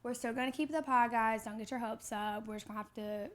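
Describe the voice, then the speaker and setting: Telling a story while co-hosting a podcast, a woman in her twenties chats away with plenty of "like" fillers. She speaks quickly, her voice slightly high, steady and fairly bright.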